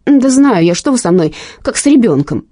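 A woman voicing a frightened, sharp-tongued young female detective in an audiobook, talking raised and defensive. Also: medium pitch, lively intonation, fairly quick, no echo, clean studio sound. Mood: irritated. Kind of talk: audiobook character reading.

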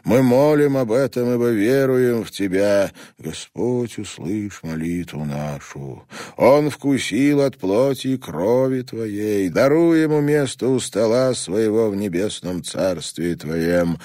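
A man voicing a priest who slowly intones funeral prayers. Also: on the low side, lively intonation, mellow, no echo, studio quality, pitched above the performer's own voice. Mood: intoning. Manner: slow, intoning. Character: solemn priest reading a burial prayer.

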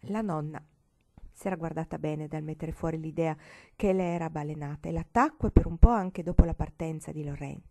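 A woman reads a storybook aloud with a mellow, warm tone. Her reading is expressive, and her voice sometimes drops to a whisper. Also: deep voice. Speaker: audiobook reader.

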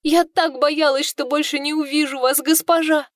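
A woman voicing a devoted young maidservant who pleads and sobs in a high voice. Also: normal speed, dry recording, clean studio sound, natural voice. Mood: tearful, pleading. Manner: sobbing, pleading. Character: tearful devoted young female servant.

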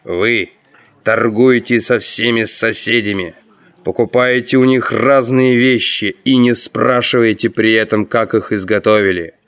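A man voicing a clever, humble young foreigner who persuades smoothly, read as an audiobook. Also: fairly low pitch, unhurried, a bit bright. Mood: persuasive. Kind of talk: audiobook narration.

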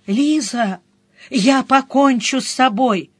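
A man's voice: very high-pitched, slow pace, husky, no echo, full character voice. A woman voicing a whiny, self-pitying middle-aged ex-husband who pleads like an offended child. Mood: whiny pleading.

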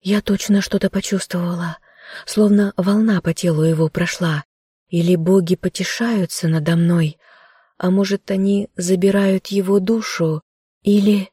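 A woman's voice: lowish voice, steady tone, unhurried, dark tone, husky, no room sound, studio quality. A woman reading an audiobook, voicing a tender, devoted young village girl who speaks with emotional, pleading intensity. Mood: startled.

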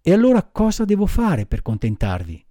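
A man's voice: high-pitched, huge pitch swings, moderate pace, warm tone, no echo, studio quality. A man voicing a cheeky young wooden puppet boy in a storybook reading, mocking and sure of himself.

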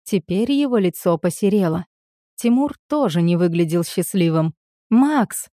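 Warm young woman reading a novel. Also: on the low side, moderate pace, no room sound, studio quality. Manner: expressive, emotional dialogue delivery. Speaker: audiobook narrator. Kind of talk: first-person novel reading.

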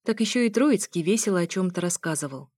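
A woman narrating a first-person audiobook in an expressive, wry storytelling manner. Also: fairly low pitch, fast talker, no echo, clean studio sound.

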